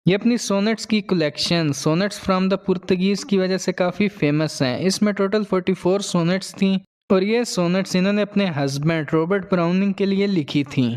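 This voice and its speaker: A man lecturing in a steady, explanatory way, defining each term and then restating it in simpler words. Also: high-pitched, normal speed, clean tone. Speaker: teacher. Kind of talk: scripted lecture narration.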